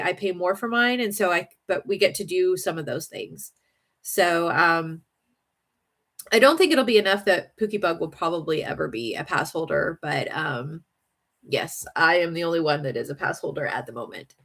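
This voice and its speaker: In a lowish, fairly bright voice at a moderate pace, a northern-US woman with a touch of Southern accent hosts a casual livestream. She's chatty and meandering, dropping in lots of fillers and giggles.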